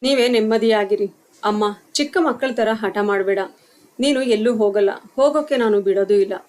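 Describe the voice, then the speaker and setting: A woman voicing a calm young husband and son who gently reasons with his mother in a storybook tale. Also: medium pitch, a little fast, close to an everyday voice. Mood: soothing.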